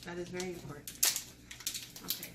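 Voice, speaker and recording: A woman's voice: lowish voice, fairly even intonation, fairly quick. A woman in her thirties chatting casually with a child, explaining things and asking simple questions, recorded at a table indoors. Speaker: mother co-hosting a candy review with her child. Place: indoors at a table in a home room. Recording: roomy, noisy home phone-camera recording.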